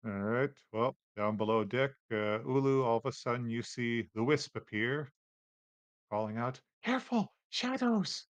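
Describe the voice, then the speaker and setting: A man narrating a tabletop game as game master, relaxed and halting, with many fillers. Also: mid-range voice, no echo.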